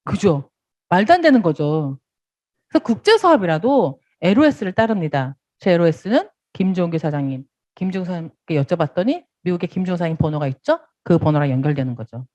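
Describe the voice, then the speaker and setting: A woman's voice: fairly low pitch, darkish tone, no echo. A woman giving a motivational business seminar, acting out little dialogues and laughing often.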